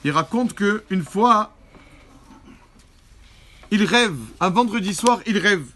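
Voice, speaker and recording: A man giving a storytelling Torah lesson as a rabbi, animated, acting out the dialogue in a lower voice and often repeating and restarting his words. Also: takes it slowly, a little hiss or hum.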